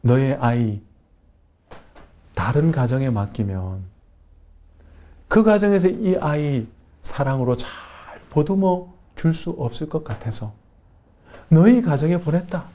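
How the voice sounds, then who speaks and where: A male preacher voicing God, speaking softly and gently to a grieving daughter. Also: fairly high pitch, big pitch swings, measured pace, long pauses. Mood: tender.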